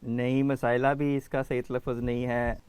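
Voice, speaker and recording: A man's voice: medium pitch, little pitch movement, a little mellow, clear, resonant tone, dry recording. A man hosting a children's education program, patiently calling on kids by name to answer quiz questions.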